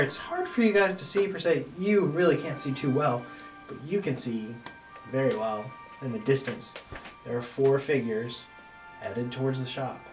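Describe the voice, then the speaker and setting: A man running a tabletop game as dungeon master, narrating in a relaxed, rambling way with many fillers. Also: medium pitch, reverberant, far from the mic, rough recording.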